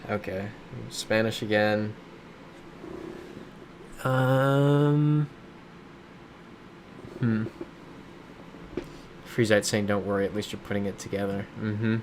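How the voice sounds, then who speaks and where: In his home in a big city, a man live-streams a geography game, reading viewer comments aloud and riffing on them in casual chat. His lowish voice has fairly even intonation, and he speaks slowly with long pauses over a noisy background.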